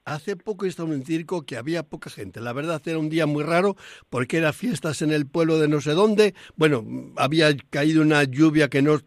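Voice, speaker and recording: A man's voice: a little high, dry recording, clean studio sound. A man, a radio host interviewing a guest in a friendly, conversational way.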